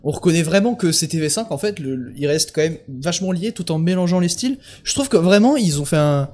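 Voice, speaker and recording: A man's voice: a little high, animated, fairly quick, a little mellow, slight background noise. A young man hosting a live stream in casual chat, joking and swearing lightly. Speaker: host.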